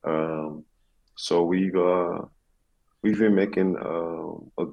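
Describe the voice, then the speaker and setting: A man, an athlete, answering interview questions conversationally with halting, reflective phrasing. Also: low voice, fairly even intonation, vocal fry, muffled recording.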